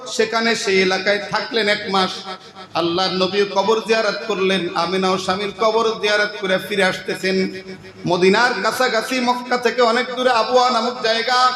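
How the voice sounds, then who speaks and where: A man preaching a waz sermon, telling a story with emotion and breaking into impassioned shouts. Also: sits high, roomy sound.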